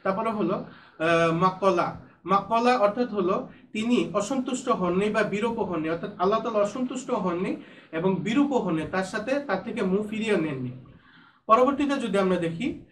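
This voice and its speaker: A man's voice: high voice, expressive, normal speed, distant mic, slight background noise, poor audio. A Bangladeshi Bengali-accented man teaching an online school lesson, explaining words one by one with frequent hesitations.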